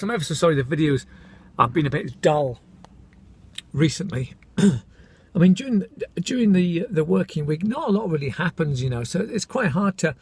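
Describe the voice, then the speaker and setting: A man's voice: fairly high pitch, a little mellow, husky. A middle-aged man, born in Scotland and raised in England, chatting casually to camera in a daily vlog, self-mocking and calling his viewers folks. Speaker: vlogger.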